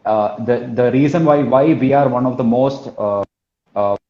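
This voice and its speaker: At a moderate pace and in a mid-range voice, the Kerala coach speaks Malayali-accented Indian English like a telesales trainer, repeating himself emphatically and tagging lines with "right?" and "you know what I mean?" Slight background noise sits under a roomy, dull, muffled recording.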